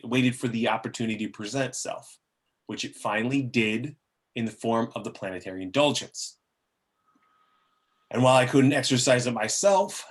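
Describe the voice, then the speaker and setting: At an amateur table read of a film script, a man with a medium-pitched voice lightly acts a scheming demon. He gives grandiose, self-justifying villain speeches loosely, with bitter theatricality.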